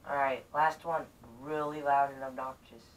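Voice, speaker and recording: A young man chatting casually and haltingly to viewers as a vlogger, recorded indoors on a camera a few feet away. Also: flat delivery. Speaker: vlogger hosting a challenge video. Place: bedroom, indoors. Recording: distant camera mic, rumbly background noise.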